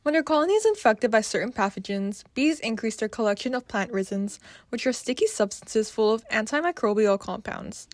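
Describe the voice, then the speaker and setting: A woman's voice: fairly high pitch, expressive, brisk, few pauses, dry recording. A woman co-presenter giving scripted educational narration in plain, explanatory words.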